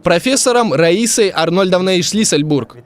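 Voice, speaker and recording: A man narrates a TV news report in a high voice. His scripted delivery runs over prominent background music. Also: lively intonation, normal speed.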